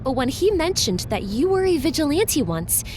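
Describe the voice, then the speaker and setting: An actress playing an anxious, proper, well-off wife in a noir audio drama, speaking earnestly and formally. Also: female voice, sits high, sing-song, normal speed. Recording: clearly noisy background ambience.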